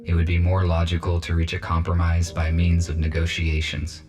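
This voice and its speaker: A man voicing an emotionless, logical male robot repairman in a video game, speaking with a flat robot voice. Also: deep voice, moderate pace, natural voice. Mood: detached. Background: soft piano music.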